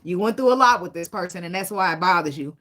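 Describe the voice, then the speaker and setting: A woman's voice: on the low side, expressive, quick pace, fairly bright tone. Woman tarot reader, blunt and profane, preachy, choked up and tearful. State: tearful, fighting back emotion. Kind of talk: casual tarot reading monologue.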